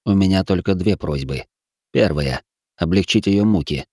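A man's voice: deep voice, expressive, moderate pace, darkish tone, husky, no echo, clean studio sound, exaggerated voice. A man voicing a tense, grim nobleman who talks through clenched teeth, in an audiobook reading.

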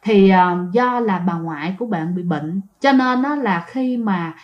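A woman's voice: mid-range voice, expressive, measured pace. A woman telling ghost stories in a chatty way, often speaking directly to her listeners. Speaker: ghost story narrator. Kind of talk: chatty ghost story storytelling. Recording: dull lo-fi recording.

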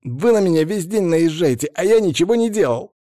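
Casting: jittery young techie guy, high whiny protests, mellow dry reading voice, put on by a male narrator. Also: sing-song, a little fast, no room sound. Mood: defensive. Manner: whiny, flaring up, nervous protests. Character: jittery young male sysadmin, touchy and defensive.

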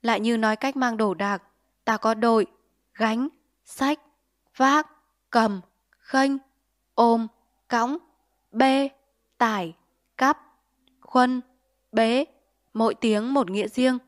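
A woman voicing a stern, earnest middle-aged father who lectures his son in grave, measured tones in an audiobook story. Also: a little high. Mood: earnest lecturing.

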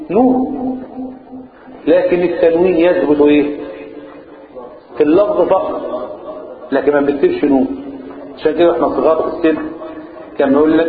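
A man with an Egyptian accent, a sheikh teaching a lesson on Quran recitation rules, who chants verses and keeps asking his class questions. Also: a little high. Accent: Egyptian Arabic. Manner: questions the class and prompts answers. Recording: echoey, tinny, with a crowd behind.

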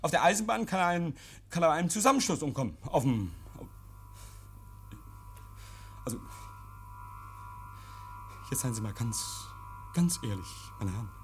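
Fairly high-pitched, bright and expressive, this actor speaks briskly but with long pauses over soft background music. The vintage 1950s radio play casts him as a paranoid, guilt-hiding man who stammers, insists, bristles defensively and irritably, and hears noises that aren't there.

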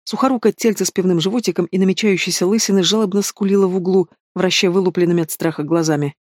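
Audiobook narrator, measured and steady, dry close sound. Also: mid-range voice, no room sound. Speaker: audiobook reader. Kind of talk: scripted fantasy narration.

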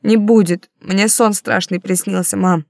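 A woman's voice: mid-range voice, fairly even intonation, measured pace, vocal fry, darkish tone, no room sound, clean studio sound. A woman voicing a young boy who speaks in a plaintive, slightly sulky child voice. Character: young boy, missing his mother.

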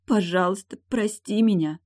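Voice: mid-range voice, normal speed, darkish tone, no room sound, studio quality, voice pushed up, close to an everyday voice. A reader voicing a grieving young wife who pleads through tears in an audiobook. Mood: tearful. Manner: tearful, pleading. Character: woman, grief-stricken, guilty young wife.

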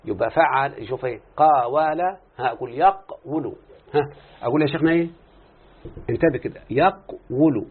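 This Egyptian-accented teacher of Arabic morphology has a slightly high, husky voice and talks a little fast. His grammar lesson runs on questions to students, drawing out their responses, and the audio is tinny, as if over a phone.

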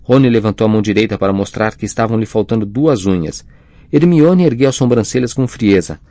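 A man narrating an audiobook in an even, measured reading. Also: lowish voice, dry recording. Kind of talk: scripted narration.

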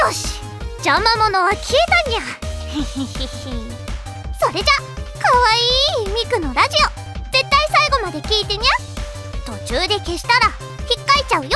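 A stubborn, cheeky teen idol who talks like a cat in an anime radio drama. Her voice sits very high and swoops up and down with lively bounce, tacking "nya" onto her phrases. Loud music plays behind her. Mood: pouty. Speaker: radio show personality. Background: children's music.

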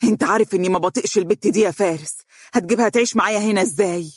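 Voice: medium pitch, expressive, very fast, a little mellow, slightly rough, no room sound, studio quality. A narrator voicing a fussy, middle-aged mother who scolds her son, with an Egyptian accent. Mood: reproachful. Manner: reproachful, emotional.

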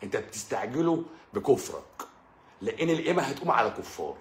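Lively Egyptian man in an echoey room. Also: medium pitch, fast talker. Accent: Egyptian Arabic. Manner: lively, addresses listener directly, repeats and stammers. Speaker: channel host. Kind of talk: religious talk to a listener.

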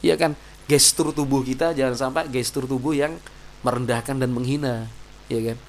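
A man giving a casual religious lecture, chatting with the audience through rhetorical questions and acting out quoted people in sudden loud, high outbursts. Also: steady tone, moderate pace, slight background noise. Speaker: Islamic preacher.

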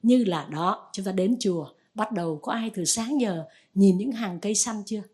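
A Buddhist nun giving a conversational Dharma talk, telling stories and gently exhorting. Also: female voice, mid-range voice, normal speed, slightly rough.

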